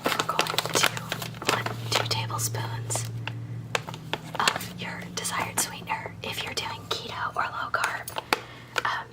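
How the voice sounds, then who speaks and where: A woman hosting an ASMR recipe video, speaking in a soft, unvoiced whisper as she explains each step in a chatty way. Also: far from the mic. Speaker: video host.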